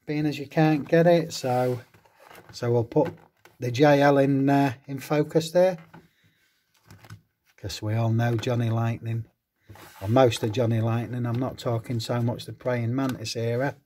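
A man's voice: medium pitch, steady tone, a little slow, mellow, slight background noise. Enthusiastic man unboxing. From England. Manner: enthusiastic, fond exclamations. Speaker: host of a diecast collecting channel. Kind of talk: casual unboxing chat.

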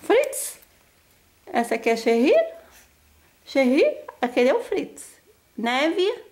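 A woman's voice: high voice, sing-song, slow, darkish tone. A young woman at home, talking baby talk to her new puppy in a cooing, sing-song way. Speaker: pet vlogger. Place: home indoors.

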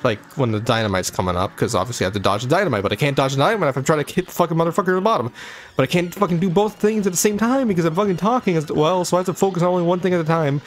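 With a slightly high voice and a very fast delivery, a young let's-play host swears his way through a boss battle, rambling jokes into a desk mic. A little hiss or hum sits under the recording.

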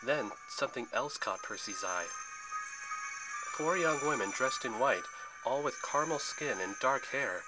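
A man narrating a story aloud in an expressive reading style, with the occasional slip. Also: mid-range voice, a little slow, loud music behind the voice, poor audio.

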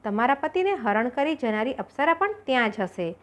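Kind, talking swans from a storybook, gentle and reassuring, as a woman narrator voices them. The voice sits somewhat high and speaks softly to a grieving queen. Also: very animated, moderate pace. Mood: kindly.

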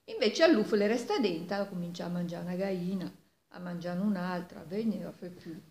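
A woman in her seventies with a Milanese accent tells an old folk tale in Milanese dialect, like a storyteller in her living room at home. Her fairly low, slightly mellow voice is expressive at normal speed, and the recording sounds echoey with a distant microphone.

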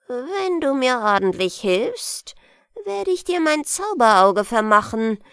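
Brief: gloating evil old wizard, read by a woman, lively swooping pitch, slow, storybook. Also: dry recording, clean studio sound, exaggerated voice. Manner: slow, gloating, hushed in places. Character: evil old male wizard luring children. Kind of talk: bedtime fairy tale reading.

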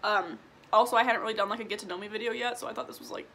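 A twenty-year-old vlogger from Illinois chats casually in a small room at home, eating as she answers viewer questions in a mukbang Q&A, dropping plenty of "like" and "um." Her medium-pitched voice is a bit bright, fairly even in intonation, and very fast, with slight background noise.

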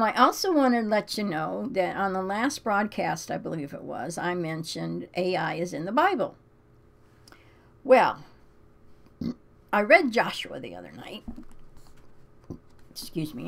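Older woman host, slightly low voice, loose rambling chat full of ums, reads scripture. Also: gravelly. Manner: rambling, frequent ums and restarts; emotional, close to tears. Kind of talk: casual chat and scripture reading.

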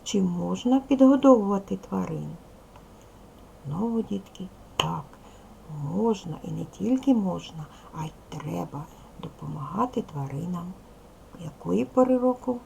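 A woman teacher leads a video lesson for small children, asking simple questions and praising their answers patiently. Her voice has a strong gravelly fry, and a faint hiss of room noise sits behind it. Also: lowish voice, lively intonation, measured pace, warm tone, rough recording. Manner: reads a poem aloud expressively. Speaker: primary school teacher.

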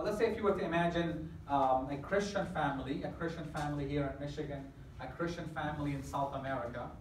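A middle-aged Afghan man with a somewhat high voice gives a guest lecture on campus, explaining his topic and posing questions to the audience. He's recorded by a distant camera at the back of a large indoor lecture hall, so the sound is echoey and far off, with slight background noise.

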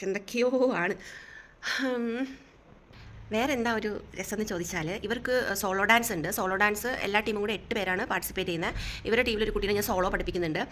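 A woman's voice: mid-range voice, quick pace. A woman who teaches dance speaks in a casual vlog and sounds weary and stressed. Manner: weary, stressed, talks about her struggles. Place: at home. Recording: loud background noise. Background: children crying at home.

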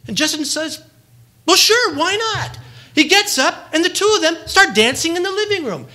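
Animated, bright-voiced male storyteller. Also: very high voice, a little fast. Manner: animated storyteller who acts out quoted dialogue. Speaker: speaker giving a reflection. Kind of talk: storytelling sermon reflection.

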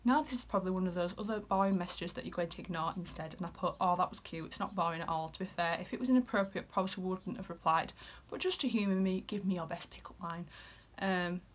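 A woman's voice: on the low side, quick pace. A young woman in her twenties with a Yorkshire accent, chatting casually as she reads out messages and often drops into a whisper. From Yorkshire, England. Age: 20s. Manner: chatty, giggly, dips into whispers. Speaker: vlogger. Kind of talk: casual chat reading out messages.

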